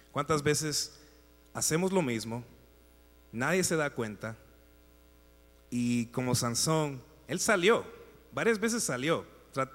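A man delivers a sermon with emphatic, deliberate phrasing, rising to loud exhortation and then dropping to hushed asides. His voice sits at an ordinary middle pitch. The recording carries a long hall reverb and a faint electrical mains hum underneath. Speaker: preacher.

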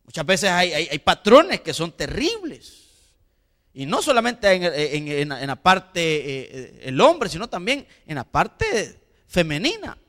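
A man's voice: high voice, wildly swooping pitch, measured pace, sharp tone. A man preaching a sermon as pastor, emphatic, asking the congregation rhetorical questions and repeating words. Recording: long hall reverb.

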